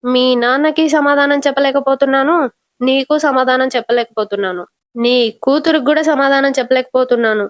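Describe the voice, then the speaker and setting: A stern, exasperated mother figure, read out by a woman in a firm scolding tone. The voice sits fairly high and sounds close and dry, with no room around it. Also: steady tone, brisk, dry recording, natural voice.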